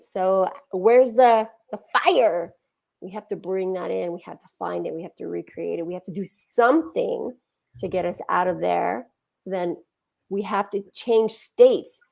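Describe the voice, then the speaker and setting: A woman with a gravelly edge to her voice talks about healing in a relaxed, conversational way. She is animated and acts out the feelings she quotes. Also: on the low side. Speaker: speaker.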